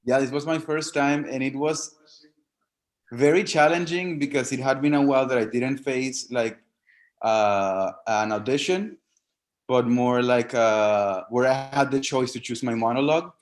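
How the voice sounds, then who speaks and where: A man with a medium-pitched voice talks over a video call. He explains his thoughts carefully and at length. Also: measured pace. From Venezuela. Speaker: participant.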